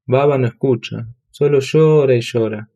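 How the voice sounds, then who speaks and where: A man voicing a gentle young divine cowherd in a storybook reading, speaking kindly. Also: mid-range voice, moderate pace, dull audio, close to an everyday voice. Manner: kind, soothing.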